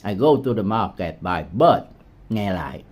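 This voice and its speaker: Slow, patient man from Vietnam. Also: sits low, lively intonation. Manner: slow and deliberate, repeats words, many hesitation sounds. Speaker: English tutor. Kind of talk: slow, patient screen-demo tutorial.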